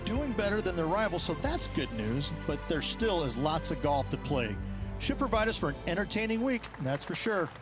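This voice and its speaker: A man voicing a measured, knowledgeable golf analyst commentating in a video game, music behind him. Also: fairly high pitch, big pitch swings. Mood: measured, explanatory.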